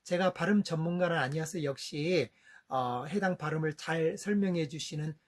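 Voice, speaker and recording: Man, middle-aged, husky voice, slightly high pitch, patient explainer, teaching English vowels. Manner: patient, explains step by step and says English words slowly. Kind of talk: lesson on English vowel sounds.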